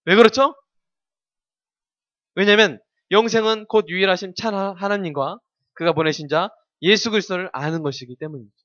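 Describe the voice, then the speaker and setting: Male preacher, high bright delivery, quizzes his youth congregation, dry, dull lo-fi capture. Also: normal speed, no echo. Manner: keeps asking the congregation questions and leading call-and-response. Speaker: pastor.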